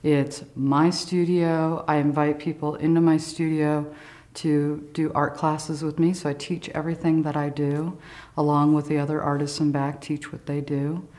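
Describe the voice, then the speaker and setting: A woman's voice: low voice, level tone, normal speed, a little mellow. A woman who owns an art studio, talking enthusiastically in a promotional interview.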